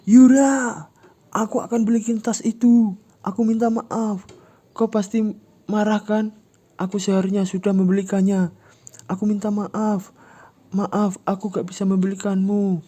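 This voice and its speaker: A man voicing a nervous, hapless young man in a comic recap, pleading in a high, strained voice. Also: steady tone, normal speed, mellow, natural voice.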